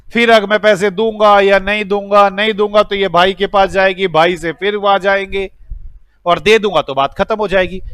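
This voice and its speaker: High-voiced male teacher telling a story. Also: fairly bright tone, clear, resonant tone, no echo. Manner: acts out a story with quoted dialogue, checks understanding with questions. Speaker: accounts teacher. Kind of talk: classroom lecture told as a story.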